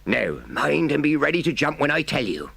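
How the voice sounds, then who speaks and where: A man voicing a kindly, gruff older male engine driver who speaks firmly and plainly. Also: fairly high pitch, very animated, normal speed, a bit bright, no echo, voice pushed up, heavily acted. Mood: earnest.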